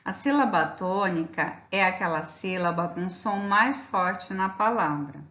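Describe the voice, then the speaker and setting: A woman teacher explains a grammar lesson from her slides, patient and methodical, drawing out example words slowly. Her voice sits in a roomy space with noticeable echo. The sound is dull and slightly lo-fi. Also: on the low side, animated, a bit bright.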